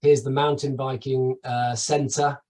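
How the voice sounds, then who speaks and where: A man's voice: mid-range voice, flat delivery, takes it slowly, mellow, distant mic, poor audio. A middle-aged man from the UK giving a chatty, enthusiastic webinar presentation over slides, with asides and restarts. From United Kingdom. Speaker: travel company presenter.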